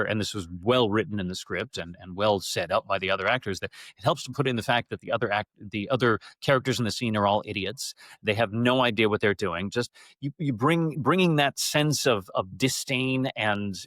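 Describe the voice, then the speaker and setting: This low-voiced man is a guest on an interview, an actor who rambles animatedly through anecdotes and often stammers as he repeats words. The recording is dry.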